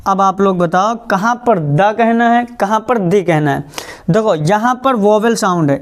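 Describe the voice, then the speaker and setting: A male teacher giving a grammar lesson, asking quick questions and repeating the answers, slowing words down to show how they are said. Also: sits high. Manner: stretches out words slowly to model pronunciation.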